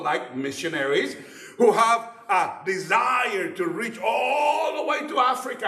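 A man's voice: high-pitched, bright, forceful tone. A man preaching a sermon with emphasis, prompting a reader to go on between points. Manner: emphatic, calls out to a scripture reader. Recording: echoey church hall.

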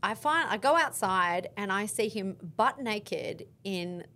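A woman's voice: mid-range voice, slow pace. An Australian woman in her thirties, co-hosting a casual podcast chat and telling a story with acted-out quotes. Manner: lively storyteller acting out quotes. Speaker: podcast co-host.

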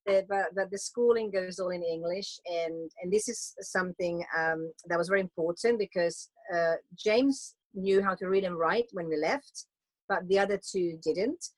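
Chatting as a guest about homeschooling, this woman, a Swedish-speaking Finn, has a fairly low voice and a normal pace. She frequently starts her sentences over in the casual conversation, and the audio is dry and poor.

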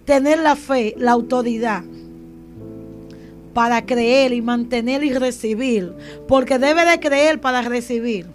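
A woman's voice: a little high, slow pace, faint music behind. A woman preacher delivering a sermon and then a fervent, building prayer. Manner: fervent, builds to loud intercession.

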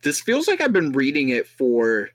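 A man's voice: medium pitch, wildly swooping pitch, moderate pace. A young man co-hosting a podcast, reading a fan story aloud with crude jokes and laughter. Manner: joking, laughing, crude banter. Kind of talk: casual comedic story reading.

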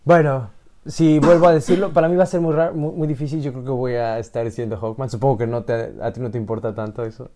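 A man's voice: mid-range voice, steady tone, fast, mellow, slight background noise. A man with a Mexican accent hosting a podcast interview, chatty and curious, repeating words as he thinks aloud. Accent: Mexican Spanish. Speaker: podcast host. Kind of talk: casual interview.

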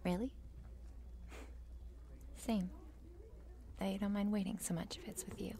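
A woman voicing a shy, meek cheerleader with a crush in an ASMR role-play, nervous and halting, in a soft breathy voice. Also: mid-range voice, fairly even intonation, a little hiss or hum, lightly acted. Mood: nervous, flustered. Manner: meek, nervous, halting, self-deprecating and apologetic.

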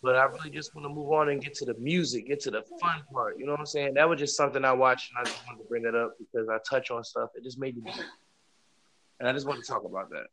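A man's voice: medium pitch, fast, bright, forceful tone, slight background noise. A man hosting a casual podcast, speaking loosely and repetitively and addressing listeners directly. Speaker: podcast host. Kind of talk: casual chat.

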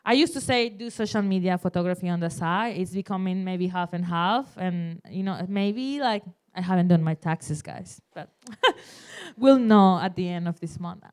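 Clear-voiced woman with Spanglish-tinged English. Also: fairly low pitch, normal speed, hardly any pauses. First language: Spanish. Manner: Spanglish, non-native English phrasing. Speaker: panel guest, skateboard photographer. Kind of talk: casual panel talk, telling anecdotes.

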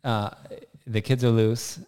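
An American man co-hosts a casual, unscripted podcast from inside an unfurnished house. His mid-range voice is steady, warm, clear and resonant, and he takes his time.

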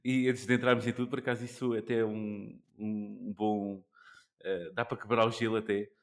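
A man in his forties with a European Portuguese accent, hosting a gaming podcast in casual chat, pausing often with fillers and restarts. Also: on the low side, flat delivery. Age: 40s. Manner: hesitant, many fillers and restarts. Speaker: podcast host.

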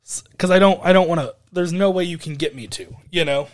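Podcast co-host, male, slightly higher voice, rambly and laughing, casual recap. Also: a little fast. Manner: rambling, hesitant, laughs often. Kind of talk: casual chat recapping a wrestling event.

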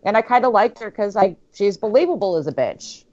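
A woman's voice: mid-range voice, expressive, fairly quick, a little mellow, no echo, lo-fi sound. A woman giving blunt, opinionated remarks in a casual chat among friends while watching a movie.

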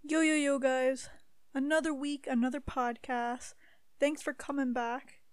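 A woman's voice: sits high, flat delivery, unhurried, no room sound. A young woman from Ontario, Canada, hosting a casual podcast chat in an upbeat, giggly way with lots of fillers. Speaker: podcast host.

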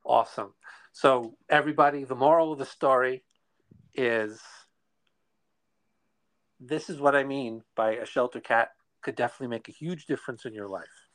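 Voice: mid-range voice, moderate pace, pauses often, fairly bright tone. A podcast host with a Brooklyn accent, talking conversationally and earnestly, repeating phrases for emphasis.

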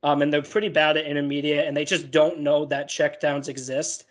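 Male co-host with a higher voice, jokey and self-deprecating. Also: level tone, brisk. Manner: self-deprecating, laughs easily. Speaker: co-host analyst. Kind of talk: casual sports talk.

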